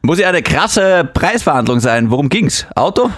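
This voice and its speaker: Brief: man, podcast co-host, higher voice with bouncy pitch, joking and playful. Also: sing-song, normal speed, a bit bright. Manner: playful, giggly, mock-dramatic. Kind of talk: casual comedic chat, reading messages aloud.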